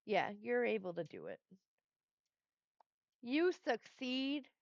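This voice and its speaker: An easygoing woman game master running a tabletop session. She talks slowly with a gravelly texture. The recording is dry and dull. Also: a little high, big pitch swings, no room sound. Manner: easygoing, laughs along with players.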